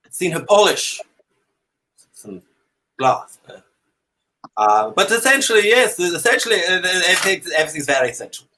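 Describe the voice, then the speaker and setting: A Canadian drag comedy performer appears as a talk show guest over a video call from a room at home, playing an affected, theatrical dandy and joking with hesitant phrasing. His voice is high, bright and forceful, with big pitch swings, a moderate pace and long pauses. The recording quality is low.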